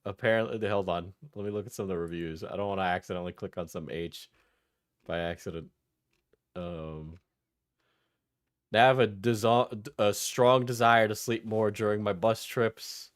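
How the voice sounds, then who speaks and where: A man's voice: on the low side, fairly even intonation, normal speed, dry recording, clean studio sound. A man giving casual, rambling live stream commentary, with some swearing, as he reacts to videos.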